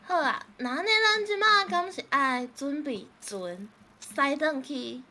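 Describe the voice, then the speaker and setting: An excitable woman chats during a game stream, her voice high and bright. Her pitch leaps around as she talks. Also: measured pace, slight background noise. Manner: excitable, animated. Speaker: guest streamer. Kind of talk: casual gaming chat.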